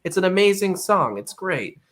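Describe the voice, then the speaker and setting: A man's voice: high-pitched, big pitch swings, moderate pace, a bit bright. A man co-hosting a podcast in casual banter, joking and laughing often. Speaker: podcast co-host.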